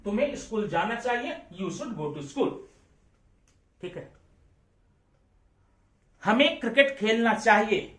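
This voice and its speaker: A man leads an English grammar lesson, repeating example sentences slowly and checking in with students through quick questions. His voice carries a roomy echo, as if the mic sits well away from him. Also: high-pitched, animated, a bit bright, recorded from a distance. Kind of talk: classroom-style grammar lesson.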